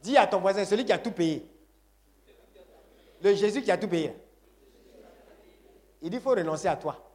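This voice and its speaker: A man's voice: sits high, lively intonation, normal speed, pauses often, a little mellow. A man preaching a sermon to a congregation, emphatic and repetitive, calling on the audience to say amen. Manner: call-and-response, asks congregation to say Amen; emphatic, repeats phrases.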